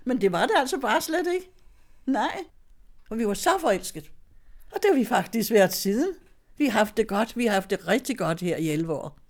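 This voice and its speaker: A woman's voice: fairly high pitch, lively intonation. An older woman, telling a personal story in casual talk, chatty and often laughing, with many restarts. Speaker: guest telling her story.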